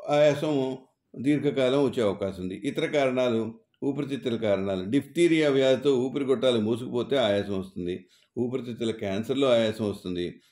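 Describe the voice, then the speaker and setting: A man, a doctor, reading a medical explainer in a measured, methodical way, listing causes one after another with small hesitations. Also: mid-range voice, warm tone. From Andhra Pradesh, India. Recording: roomy echo.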